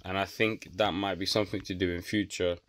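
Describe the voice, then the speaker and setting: A man's voice: deep voice, flat delivery, a little fast, fairly bright tone. A man narrating a home computer repair casually, rambling and thinking aloud with self-deprecating remarks. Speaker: DIY tech vlogger.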